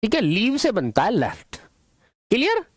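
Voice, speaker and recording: A male teacher with a lively, sing-song voice that leaps up and down as he explains words. He quizzes his students playfully and answers his own questions. The recording is close and dry, with no room sound. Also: high voice, moderate pace, no echo. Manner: affectionate toward students. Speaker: English teacher. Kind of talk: classroom-style language lesson.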